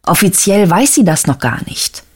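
A man's voice: high voice, big pitch swings, normal speed, breathy edge, exaggerated voice. Reader voicing an insistent, probing male detective. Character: male detective, pushy and agitated.

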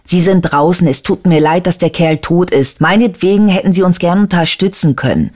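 A man's voice: high-pitched, fairly quick, darkish tone. A reader voicing a curt, defensive male investigator in an audiobook crime story.

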